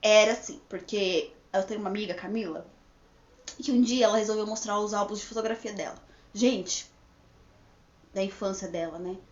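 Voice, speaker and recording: A woman's voice: medium pitch, moderate pace, long pauses. A woman in her thirties chatting to camera in a rambling, casual way, with frequent restarts and check-ins. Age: 30s. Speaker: vlogger. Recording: echoey room, slightly dull lo-fi sound.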